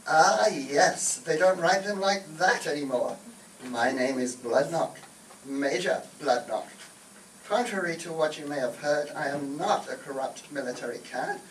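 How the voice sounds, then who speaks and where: Echoey, high-voiced, pompous Major Bloodnok, acted by a man. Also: unhurried, lightly acted. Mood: blustering. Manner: pompous, blustering. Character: Major Bloodnok, pompous male British military officer, shady and blustering. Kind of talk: amateur stage radio comedy acting. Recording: roomy, distant stage recording with faint noise.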